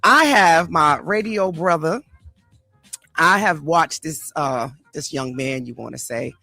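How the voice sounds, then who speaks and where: A host and life coach leading a casual interview, hyping up her guest with energetic introductions. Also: low-pitched, takes it slowly, vocal fry, dry recording, soft background music. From Boston area.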